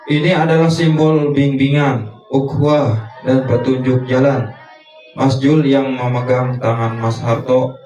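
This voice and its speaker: A man giving a reflective religious interpretation of a dream, speaking in short, measured clauses. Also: medium pitch, darkish tone. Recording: echoey room, distant mic.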